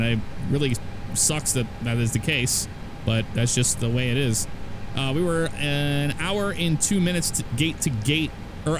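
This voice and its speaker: Casual man commentating over clear background noise. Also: fairly high pitch. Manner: informal, addresses viewers as folks and guys. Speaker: flight simulator streamer.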